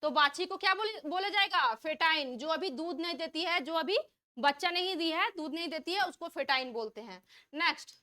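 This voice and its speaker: A woman's voice: extremely high pitch, normal speed, pushed and bright. A woman teaching an exam-prep vocabulary lesson. She reads out multiple-choice options, asks each question, repeats it, then gives the answer.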